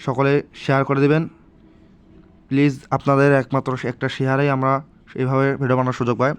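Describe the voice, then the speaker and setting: Brief Male Arabic teacher, mid pitch, patient, slow repetitions of each sound. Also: completely flat delivery, clear, resonant tone. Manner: patient, repeats sounds slowly for practice. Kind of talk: informal recorded lesson.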